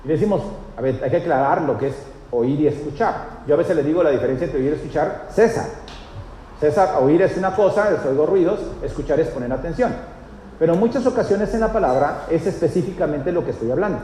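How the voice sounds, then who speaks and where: Pastor preaching in an echoey hall. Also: male voice, a little high, expressive, brisk, mellow. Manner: teaching, asks the congregation "¿sí?" often. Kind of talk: sermon. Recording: echoey church hall, faint noise.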